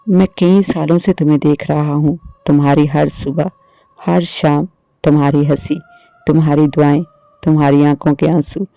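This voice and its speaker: A man voicing a gentle teasing young jinn. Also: on the high side, no echo, natural voice. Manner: soft, playful, reassuring.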